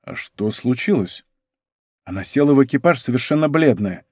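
A man's voice: mid-range voice, expressive, darkish tone, breathy edge, dry recording, studio quality. A man reading as a worried, urgent aide. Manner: hurried, worried.

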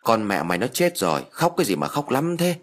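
A man's voice: fairly low pitch, very animated, fairly quick. A man doing a cursing old grandfather. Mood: shouting. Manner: shouting, cursing. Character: bad-tempered old grandfather.

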